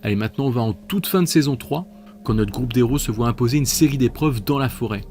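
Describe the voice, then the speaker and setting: A man's voice: mid-range voice, fast, a little mellow, faint music behind. A man hosting a multiple-choice quiz, reading out questions and options with playful, chatty asides. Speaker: quiz host.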